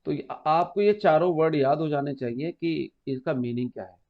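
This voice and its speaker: A man's voice: on the high side, moderate pace. Patient male grammar teacher, muffled recording. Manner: patient, repeats key terms, calls students "beta". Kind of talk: exam-prep classroom lesson.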